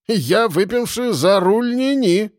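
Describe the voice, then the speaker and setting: A man's voice: high voice, animated, slow pace, no room sound, studio quality, voice pushed up. A man voicing a flustered, tipsy village man who stammers fussy objections. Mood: pleading.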